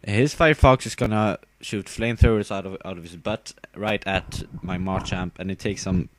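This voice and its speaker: A man's voice: on the low side, moderate pace, a little hiss or hum. A tired young man casually commenting on his own game battle, rambling with fillers and giggling at himself. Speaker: gamer narrating his battle.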